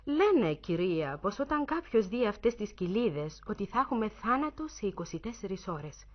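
A soft-voiced old fisherman voiced by a woman who speaks politely but with an ominous edge. The recording is muffled and lo-fi. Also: medium pitch, very animated. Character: soft-spoken old village fisherman, knowing.

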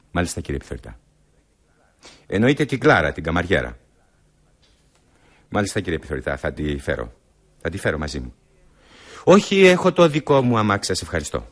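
Brief: brusque, scornful society gentleman, very deep, radio play. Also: full character voice. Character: high-society husband accused of poisoning, brusque and cruel. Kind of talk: radio drama acting.

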